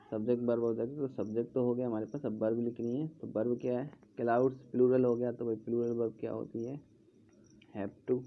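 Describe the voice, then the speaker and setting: Male tutor, gravelly and monotone, slow drilling delivery, muffled home recording with faint background. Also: mid-range voice. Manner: slow, repeating words while writing on a board. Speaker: English teacher. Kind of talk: explaining English grammar in Hindi. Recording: dull lo-fi sound, faint background.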